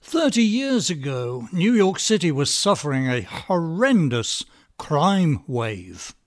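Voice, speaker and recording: A man giving scripted political commentary with a dry, sardonic, measured delivery. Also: a little high, sing-song. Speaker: podcast commentator.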